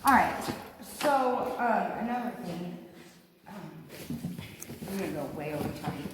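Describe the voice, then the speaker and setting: A woman guides a tour group through a cave, her mid-pitched voice ringing with heavy echo and long reverb. She talks in a chatty, folksy, informal way, speaking straight to the group. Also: lively intonation, measured pace. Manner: chatty, folksy, addresses group as "you guys". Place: inside a large underground cave. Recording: echoing cave with long reverb, faint noise.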